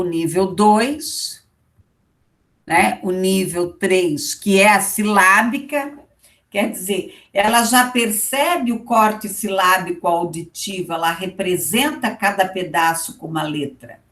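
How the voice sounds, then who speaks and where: Slow, patient woman teacher. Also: lowish voice, fairly bright tone, roomy sound. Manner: explains step by step with frequent "tá?" and "né?" checks. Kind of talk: online class lecture.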